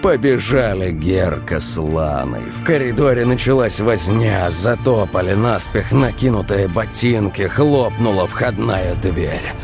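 A man narrates a story in a deep, gravelly voice. He reads slowly, with lively rises and falls in his intonation. Faint music plays behind him. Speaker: audiobook narrator. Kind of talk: scripted narration.

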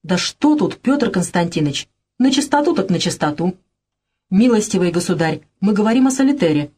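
A woman's voice: medium pitch, animated, brisk, darkish tone, husky. A woman reading as a rash, distraught young man. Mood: agitated. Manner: agitated, blunt.

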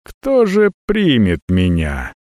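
A man voicing an ancient, scornful dragon, speaking low, slow and quietly menacing in a fantasy audiobook. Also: big pitch swings, no echo, studio quality. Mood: cold.

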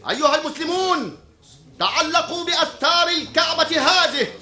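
A worried fervent believer in a historical drama, really high sharp urgent voice, echoey. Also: male voice, brisk, heavily acted. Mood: alarmed, exhorting. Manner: oratorical, urgent. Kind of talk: classical Arabic historical drama acting. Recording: echoey, reverberant drama recording.

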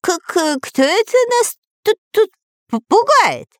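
Cowardly storybook robber, high and stammering, played by a woman, dry close mic. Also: expressive, fairly quick, creaky, no echo. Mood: terrified. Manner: stuttering, shrieking. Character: cowardly, terrified male robber.

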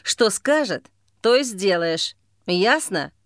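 Female narrator doing a lowered, coarse, menacing drunk brother; dry close read. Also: expressive, takes it slowly, fairly bright tone, no echo. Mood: threatening. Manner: snarling, threatening, crude. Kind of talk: audiobook character voice.

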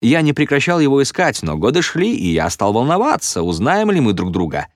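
A man's voice: medium pitch, huge pitch swings, a little fast, no room sound, clean studio sound, pitched above the performer's own voice. A man voicing an earnest, rambling eccentric who talks in a raised voice in a storybook reading.

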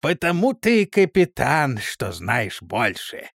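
A man's voice: medium pitch, huge pitch swings, slow, gravelly, no echo, clean studio sound, full character voice. A man voicing Stuart, a hot-tempered male onion-headed clone soldier who blusters and shrieks, in an audiobook reading. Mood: flattering. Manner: shouting, blustering.

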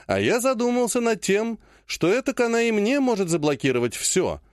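A man narrating first-person fiction in an expressive storytelling manner. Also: high voice, moderate pace, dry recording, clean studio sound. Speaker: audiobook narrator.

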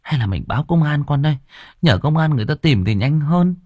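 A man's voice: fairly high pitch, lively intonation, fairly quick, mellow, breathy edge, no echo, studio quality, pitched above the performer's own voice. A man voicing an anxious middle-aged mother, choked and stammering, in an audiobook. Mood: hesitant.

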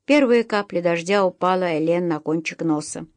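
A woman narrating an audiobook in a steady, measured storytelling manner. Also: on the low side, no room sound. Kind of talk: scripted narration.

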